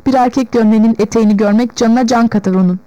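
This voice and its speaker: A bossy old village tailor barks orders and snaps at his helper, as a woman reader puts him on. The voice stays mellow and dark, in a plain audiobook telling. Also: fairly high pitch, fairly even intonation, rapid-fire, dry recording, lo-fi sound, lightly acted. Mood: snapping. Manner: bossy, snapping. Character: gruff scolding old male village tailor. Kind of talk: audiobook reading.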